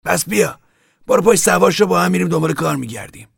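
Brief: man voicing an impatient young driver, raised and gravelly, husky, storybook reading. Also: high-pitched, expressive, no room sound, clean studio sound, pitched above the performer's own voice, heavily acted. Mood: eager. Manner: quick, pushy, impatient.

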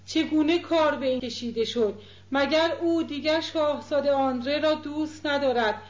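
A woman's voice: sits high, lightly acted. A woman reading a storybook voicing an anxious young woman who questions and pleads, in a dull echoey recording. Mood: troubled.

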